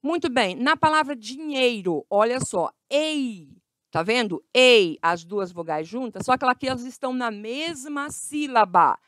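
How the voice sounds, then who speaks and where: Animated and fairly bright, her slightly high voice carries no room sound as this Brazilian-accented teacher walks children through grammar. Her words come slow and drawn out, with frequent pauses to check on the class.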